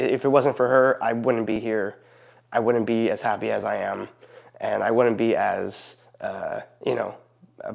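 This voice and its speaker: A man's voice: medium pitch, gravelly. A man hosting a casual, unscripted update vlog, with a goofy, rambling manner that often interrupts itself. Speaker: video channel host. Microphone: recorded beside a noisy heating fan.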